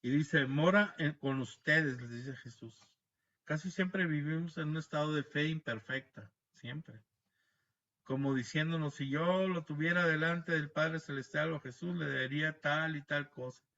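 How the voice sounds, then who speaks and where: A man leads a Bible class over a video call, explaining step by step and often checking with listeners. His voice is bright and forceful and sits a little high for a man. The audio is dull and lo-fi, as on a video call. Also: measured pace, creaky. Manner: explanatory, frequent tag questions, restarts words.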